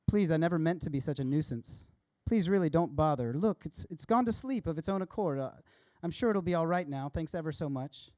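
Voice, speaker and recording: A man's voice: fairly high pitch, expressive, a little fast, few pauses, dry recording, studio quality, natural voice. A man reading aloud as a timid, fussy male ghost who keeps making apologetic excuses. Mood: pleading. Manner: apologetic, hesitant, soft-spoken. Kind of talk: reading a story aloud in a sermon.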